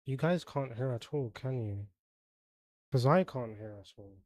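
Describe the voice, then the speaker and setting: A man streaming a game and talking to his viewers in a loose, chatty way, checking in with them between moves. His voice sits mid-range and has a mellow, warm tone. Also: medium pitch, unhurried, no room sound. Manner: chatty, talks to viewers while fiddling with setup. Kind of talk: casual live-stream chat while gaming.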